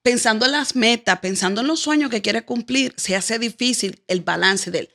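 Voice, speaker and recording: A woman podcast host with a Caribbean Spanish accent speaks in a fairly high, bright, forward voice. She talks candidly and casually, as in a relaxed conversation between two people. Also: moderate pace. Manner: candid, chiming in to finish the guest's thoughts.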